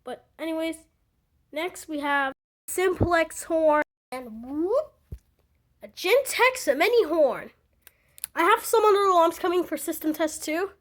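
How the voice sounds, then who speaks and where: Woman, slightly raspy, high-pitched, casual rambling hobby vlog, phone recording. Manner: rambling, with many fillers and restarts. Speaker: fire alarm hobby vlogger. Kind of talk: casual show-and-tell chat.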